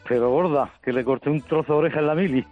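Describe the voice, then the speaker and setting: Murcian radio caller, high-pitched man, acts out the voices in his anecdote. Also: fast talker, music in the background. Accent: Murcian Spanish. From Murcia, Spain. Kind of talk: phone-in storytelling.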